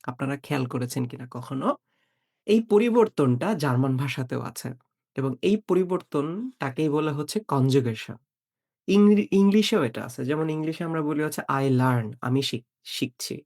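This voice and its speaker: A man teaching a beginner German lesson, patiently explaining and slowly repeating example words. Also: fairly high pitch, lively intonation, darkish tone.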